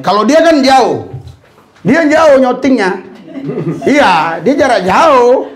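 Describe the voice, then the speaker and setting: A male pastor preaches in a high, very animated voice, his pitch leaping up and down as he jokes. He laughs often and slips into quick put-on voices for the people in his stories. The talk is chatty and warm-hearted rather than formal. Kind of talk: lively sermon with jokes and anecdotes.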